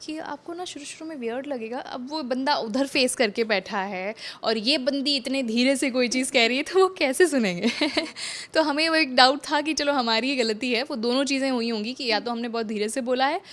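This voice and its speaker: A woman's voice: high-pitched, moderate pace, fairly bright tone. A young actress in a casual interview, chatting freely and mixing English phrases into her talk with frequent restarts. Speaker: actress guest.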